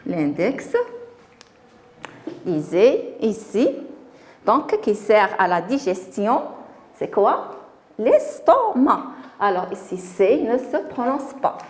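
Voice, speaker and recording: A woman's voice: medium pitch, expressive, slow pace, darkish tone. A woman teaching a spelling lesson, repeating words and stressing them carefully for her pupils.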